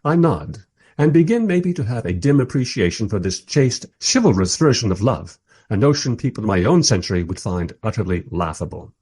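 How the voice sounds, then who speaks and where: Heavily acted, a man's lowish, darkish, slightly rough voice runs fairly quick and sing-song as he plays a wry, bemused documentary interviewer. He narrates his journey through a radio play in a dry, self-deprecating, reflective way.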